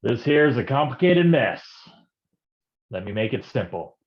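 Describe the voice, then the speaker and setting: In a staged noir parody, a man plays a bumbling, folksy private detective who stammers, chuckles nervously, and gets rattled easily, all with an air of nervous bluster and folksy slang. His mid-range voice swings widely in pitch at an unhurried pace, with lo-fi sound.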